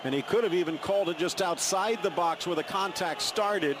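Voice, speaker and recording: Man calling football over loud stadium noise. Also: sits high, brisk. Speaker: play-by-play football commentator. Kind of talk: live sports commentary. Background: football stadium crowd.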